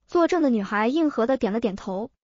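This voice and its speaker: A woman giving even, matter-of-fact scripted narration of a comic story. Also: on the high side, a little fast, no room sound, lo-fi sound.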